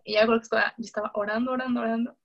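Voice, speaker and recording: A woman's voice: on the high side, flat delivery, very fast, dull audio. A young woman tells her faith testimony in a casual way. She often acts out her own past words and fills her speech with fillers and restarts. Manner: frequent fillers and self-corrections. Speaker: guest sharing a faith testimony.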